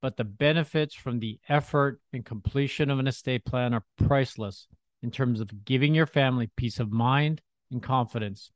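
A man's voice: mid-range voice, normal speed, no echo. A man working as a financial advisor, delivering scripted advice as a podcast co-host.

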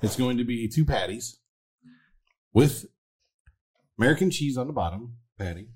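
A man with a middle-pitched voice chats casually as a co-host while eating gross, spicy jelly beans. There is some background noise with clicks on the recording. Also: expressive, moderate pace, darkish tone. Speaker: show co-host. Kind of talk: casual live chat.

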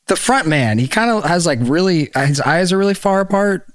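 A man's voice: moderate pace, no echo. A man co-hosting a podcast, chatting casually and joking in a rambling way. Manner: joking, rambling, animated pitch. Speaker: podcast co-host. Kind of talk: casual chat.

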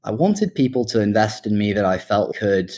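A man in his twenties from Hong Kong and the UK, a startup founder being interviewed, talks earnestly and enthusiastically about his own story in conversational answers. His voice is on the low side and a little mellow, very animated, at a moderate pace.

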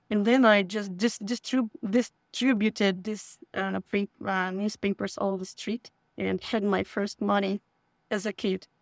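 Slow-speaking woman from Ukraine. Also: mid-range voice, no echo. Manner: halting, with many fillers and restarts. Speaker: guest, company founder. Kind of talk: interview answers.

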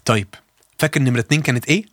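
A man with an Egyptian Arabic accent preaching a sermon, telling stories earnestly and slowing down for emphasis. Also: mid-range voice, fairly bright tone, no echo, studio quality. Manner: earnest storytelling, slows down for emphasis.

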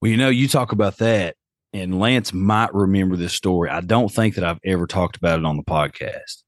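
A man's voice: deep voice, a little fast, no room sound, clean studio sound. A man with an Appalachian accent telling a story casually on a podcast, in a folksy, slangy way. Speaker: podcast host.

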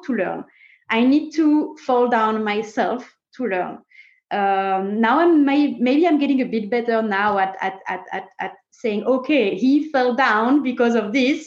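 A startup co-founder, this woman's voice runs on the high side with a darkish tone. She speaks emphatically in a casual interview, full of startup buzzwords, and her English phrasing is non-native. Muffled, echoey room sound fills the recording.

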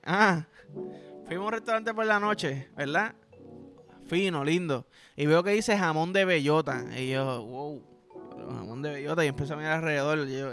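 Young Puerto Rican male podcast host, high-pitched, crude and animated storyteller. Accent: Puerto Rican Spanish. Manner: crude, animated, acts out dialogue. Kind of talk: casual storytelling.

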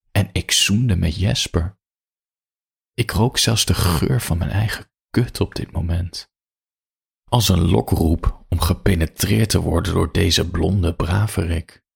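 Male story reader, slow and quiet, with a gravelly, husky voice. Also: low-pitched. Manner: slow, quiet first-person narration. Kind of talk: reading an erotic story aloud.

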